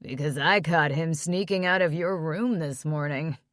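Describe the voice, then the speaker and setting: A mischievous drunk man stirring up trouble, his voice slightly lower and dry, as a woman reading an audiobook voices him. He sounds drunken and teasing. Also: normal speed, fairly bright tone, dry recording.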